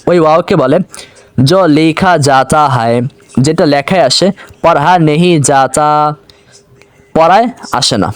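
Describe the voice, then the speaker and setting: A man teaching an online grammar lesson, patiently explaining step by step and slowly repeating example words. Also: a little high, no echo.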